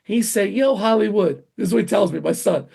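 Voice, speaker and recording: Gravelly, excitable middle-aged man telling stories. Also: quick pace. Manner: excitable, acts out quotes with big pitch jumps. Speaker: martial arts grandmaster guest. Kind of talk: animated storytelling in an interview.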